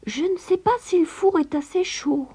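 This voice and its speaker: A woman voicing a brave young girl, high and urgent. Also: moderate pace, dark tone. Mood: wary.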